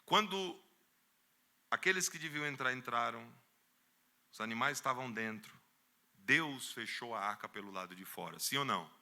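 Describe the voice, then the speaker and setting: A male pastor with a Brazilian Portuguese accent preaches a sermon in church, telling a story and acting out the voices in it, and he rises to loud emphatic peaks. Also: medium pitch, lively intonation, moderate pace, long pauses.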